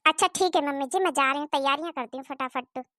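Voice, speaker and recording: A woman's voice: high voice, fast talker, a bit bright, no room sound, studio quality. A woman voicing a polite, dutiful young daughter-in-law who answers meekly and respectfully. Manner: meek, respectful.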